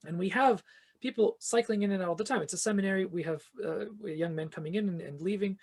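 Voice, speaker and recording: Talking fast with a high voice, a darkish tone and a breathy edge, a male podcast guest who writes fantasy and conducts choirs offers reflective answers. His explanations run long and earnest, growing through repeated restarts.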